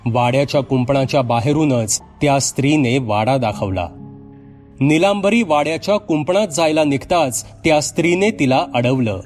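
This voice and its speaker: A man narrating a horror story in a measured, suspenseful way. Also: mid-range voice, animated, darkish tone, soft background music.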